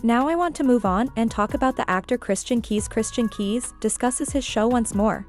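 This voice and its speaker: A woman's voice: a little high, moderate pace, faint music behind. A woman delivering scripted entertainment gossip commentary as a narrator.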